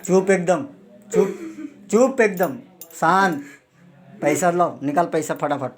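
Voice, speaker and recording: A man with a high-pitched voice scolds and interrogates in a heated, threatening way. He keeps snapping short demanding questions. It sounds like it was recorded indoors in a small rented room. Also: big pitch swings, slow pace. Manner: angry, scolding, keeps barking a demanding "huh?". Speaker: man confronting suspected thieves.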